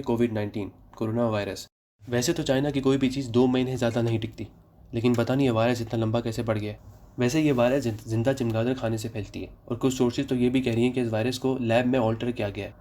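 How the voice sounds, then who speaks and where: This young adult man from Pakistan, a comedy vlogger, speaks at medium pitch with a dark tone and fairly even intonation. He performs a sarcastic monologue of rapid-fire jokes before giving health advice.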